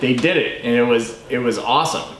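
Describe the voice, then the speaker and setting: A man's voice: mid-range voice, a little fast, fairly bright tone, a little hiss or hum. A man co-hosting a casual movie review, speaking informally and approvingly in mild language. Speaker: co-host of a movie review show. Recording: roomy, echoey room.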